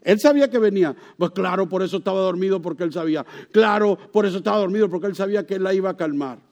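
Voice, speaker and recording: A male pastor preaching a sermon, throwing rhetorical questions to the congregation and swinging widely in pitch and loudness for emphasis. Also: rapid-fire, lo-fi sound.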